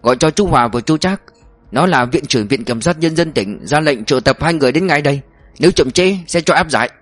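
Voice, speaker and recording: A man's voice: on the high side, lively intonation, fast, fairly bright tone, no echo, soft background music. Man doing a hearty, joking old prosecutor. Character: jovial older male chief prosecutor, bantering and bold.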